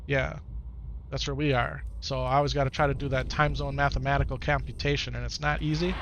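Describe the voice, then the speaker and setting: There's background noise as a streamer from Wisconsin, United States, chats casually over gameplay in an Upper Midwest American accent, frequently repeating himself. He talks a little fast at a medium pitch with little variation.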